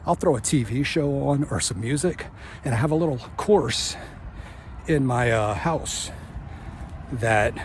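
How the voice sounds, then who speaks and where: A man in his fifties talking casually to camera during outdoor exercise, out of breath and speaking with a missing front tooth. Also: mid-range voice. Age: 50s. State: winded, out of breath. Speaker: fitness vlogger. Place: outdoors on a walking route. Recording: outdoor noise, passing vehicle sounds.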